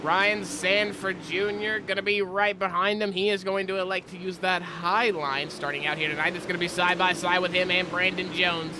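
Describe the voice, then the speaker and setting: A race commentator calls the play-by-play for a simulated racing broadcast, sounding slightly stuffy-nosed from a cold. His pitch climbs whenever the battles get close, and there is noise in the background.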